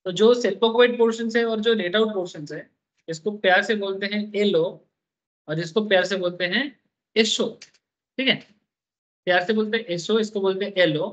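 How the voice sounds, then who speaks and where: Speaking a little fast in a high, slightly bright voice, a male tax instructor sketches on a board and teasingly quizzes the class with repeated questions. The recording sounds dull and lo-fi.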